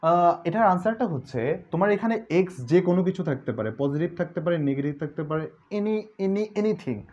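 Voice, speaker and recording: A man's voice: high-pitched, expressive, fast talker, a little mellow. A young man tutoring calculus online, chatty and joking, slipping English words into his talk. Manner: chatty, mixes English words, jokes with students. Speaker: math tutor. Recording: dull lo-fi sound.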